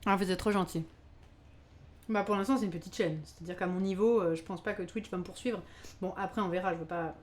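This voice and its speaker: A woman hosting a live baking stream, chatting casually with her viewers, exclaiming over her work and laughing often. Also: medium pitch. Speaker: live-stream cooking host.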